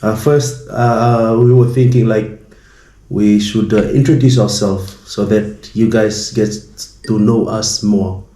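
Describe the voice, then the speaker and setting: A man with a Fijian accent chatting casually as a vlogger, speaking in a halting, hesitant way. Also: fairly low pitch, steady tone, dark tone. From Fiji. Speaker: vlogger and street musician. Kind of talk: casual vlog chat. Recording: echoey room sound.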